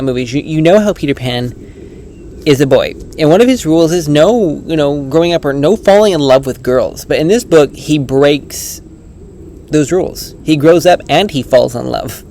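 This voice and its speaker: Male book vlogger, casual and earnest, slightly higher pitch, rambling delivery. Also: normal speed, a little mellow, slight background noise. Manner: earnest, rambling, many restarts. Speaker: book reviewer. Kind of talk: casual vlog book review.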